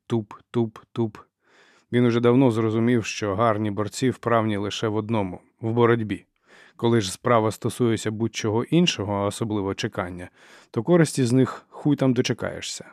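A man narrating a fantasy audiobook in measured, even storytelling. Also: medium pitch, no room sound, studio quality. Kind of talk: scripted narration.

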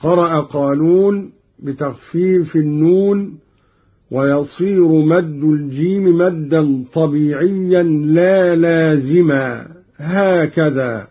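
A man teaching Quran recitation, explaining reading variants in a measured way and slowing to chant each cited verse, from an archival radio broadcast. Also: a little high, breathy edge. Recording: dull lo-fi archival radio recording.

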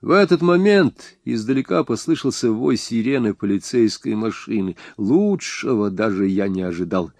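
Low-voiced man reading a crime novel. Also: moderate pace, hardly any pauses, no room sound, studio quality. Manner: expressive, with sharp raised outbursts for the hero's lines. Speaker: audiobook narrator.

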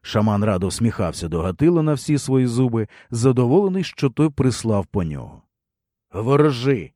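A man reading a historical novel aloud as an audiobook narrator, with expressive storytelling. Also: medium pitch, fairly quick, no echo, clean studio sound.

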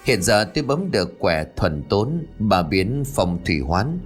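Ghost-story elder diviner, deep, unhurried, solemn, voiced by a male narrator. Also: sing-song, soft background music. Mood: grave. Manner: slow, measured reciting of omens. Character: old village diviner, grave and solemn.

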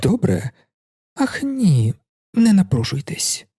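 A man's voice: high-pitched, wildly swooping pitch, takes it slowly, dark tone, breathy edge, no echo, clean studio sound, pitched above the performer's own voice, exaggerated voice. A man reading a novel aloud, voicing a proud, cold young woman in a raised voice with a cool, mocking manner. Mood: dismissive.

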